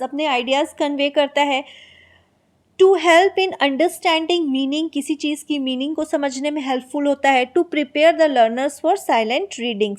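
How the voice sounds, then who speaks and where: High-voiced woman teaching in Hindi. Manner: explains in Hindi, reads English notes slowly; asks and answers her own questions. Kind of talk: exam-prep lecture.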